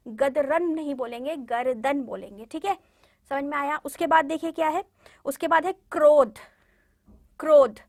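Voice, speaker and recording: A woman's voice: high voice, a little fast, dry recording, studio quality. A woman teacher giving a lesson to young pupils, patiently repeating words for them to say along and often checking in with them. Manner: frequent "ठीक है" check-ins and fillers. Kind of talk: classroom lesson addressed to children.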